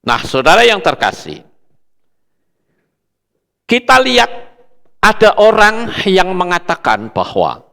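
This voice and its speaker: Guy preaching a sermon in a big echoey church hall, raspy-gravelly tone. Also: high-pitched, slow pace, pauses often. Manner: addresses congregation as "saudara", animated storytelling. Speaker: pastor. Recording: long hall reverb.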